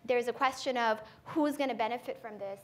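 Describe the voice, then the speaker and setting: Woman from ethiopia on a panel, bit high voice, lots of ums and restarts, keeps saying right?. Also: brisk. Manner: thinks aloud with many fillers and restarts, ends points with "right?". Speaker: panelist, AI researcher. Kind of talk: conversational panel talk. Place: conference forum stage.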